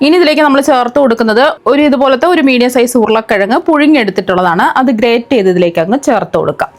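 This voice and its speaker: A woman hosting a cooking channel, explaining a recipe step by step in a steady voice-over. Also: fairly high pitch, racing, soft background music.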